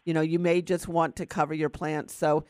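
A woman's voice: deep voice, little pitch movement, moderate pace, darkish tone, no echo, studio quality. A woman hosting a garden radio show, asking friendly conversational questions. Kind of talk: radio call-in interview.

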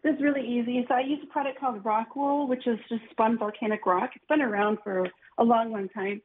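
A woman's voice: on the high side, fairly even intonation, brisk, slight background noise. A woman, a gardening guest talking casually and enthusiastically, lots of "like" in her speech. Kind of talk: casual radio call-in chat. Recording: tinny phone line.

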